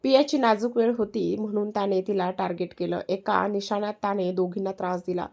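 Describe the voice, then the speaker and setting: A woman narrating a scripted family story in a calm, even storytelling manner. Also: mid-range voice, a little fast, gravelly.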